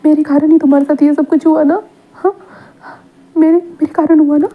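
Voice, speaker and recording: A remorseful male soul who stammers apologies and begs forgiveness, as a woman acts him out in a storybook reading. The voice is high, and the audio is thin, like a phone line. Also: fairly even intonation, moderate pace, natural voice.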